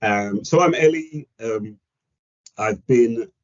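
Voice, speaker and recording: A man's voice: medium pitch, slow pace. A man in his forties from Kenya with a London accent, chatting reflectively as a podcast guest. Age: 40s. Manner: reflective, chatty, self-deprecating. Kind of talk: casual chat. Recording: dull lo-fi audio.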